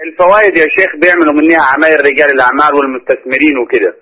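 A man with an Egyptian accent, calling in and pressing his question in a rapid, insistent way. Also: a little high, pushed and bright. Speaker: caller. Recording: muffled phone call.

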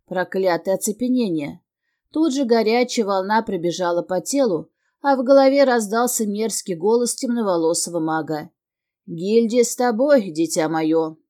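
A woman narrating a fantasy novel in the first person with steady, expressive storytelling. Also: medium pitch. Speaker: audiobook narrator.

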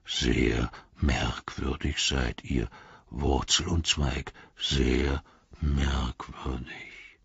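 A man voicing an ancient, patient male tree giant with a rumbling, drawn-out, hushed voice. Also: level tone, creaky, husky, dry recording, highs cut off, exaggerated voice. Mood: slow, ponderous.

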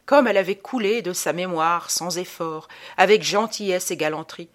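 A woman narrating an audiobook with expressive, strongly emphasized reading. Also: fairly low pitch, normal speed. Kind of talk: scripted narration.

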